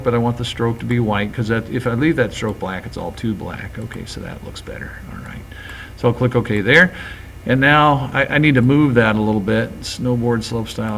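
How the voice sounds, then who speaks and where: A man teaching graphics, talking through each step of a screen-recorded software tutorial in a relaxed, chatty way. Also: mid-range voice, a little hiss or hum.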